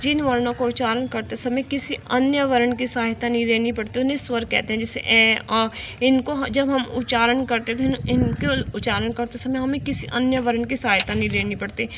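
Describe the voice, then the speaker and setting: A woman with a somewhat high voice gives a grammar lesson for young children. She explains slowly and repeats each question and example. The recording is dull and lo-fi, with plainly audible noise behind her. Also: fairly even intonation. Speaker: teacher.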